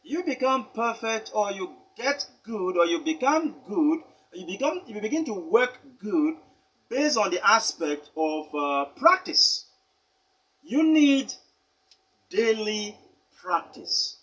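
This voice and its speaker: A man teaching pronunciation, with a high, husky voice. His pitch swings widely as he stresses each point. He talks deliberately and spells words out letter by letter. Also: big pitch swings, a bit bright, highs cut off. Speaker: English teacher. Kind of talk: pronunciation lesson.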